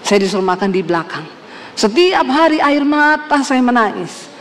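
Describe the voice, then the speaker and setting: A woman preacher from Indonesia tells her own story in an earnest, heartfelt way. Her voice sits high and carries a long hall reverb. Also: lively intonation, normal speed, slight background noise. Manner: earnest storytelling, acts out her father's and mother's words. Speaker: pastor. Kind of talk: sermon testimony.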